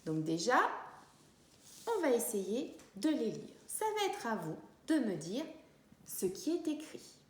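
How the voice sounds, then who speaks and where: Slow, lively woman teaching young children. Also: a little high. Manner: slow, clear teacher talk, stretching out syllables. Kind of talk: early reading lesson for young children. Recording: echoey room.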